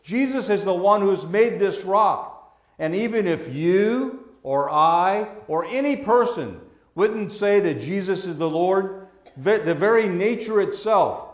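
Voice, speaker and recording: A man preaching a children's sermon as a pastor, gentle and patient like a Sunday school teacher, using simple words and questions. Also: high voice. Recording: echoey room.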